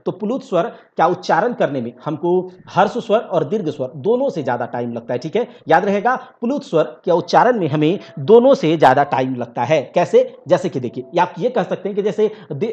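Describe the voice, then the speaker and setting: Lively high-voiced male teacher. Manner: repeats key points and asks rhetorical questions. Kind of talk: exam-prep grammar lesson. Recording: dull lo-fi recording.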